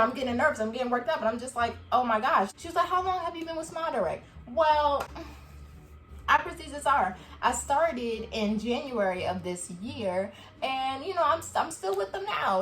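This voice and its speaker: A young woman chatting to camera in a casual review vlog, animated and quick to laugh, acting out what people said to her. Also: fairly high pitch. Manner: chatty and animated, laughs often, acts out quoted dialogue. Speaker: vlogger.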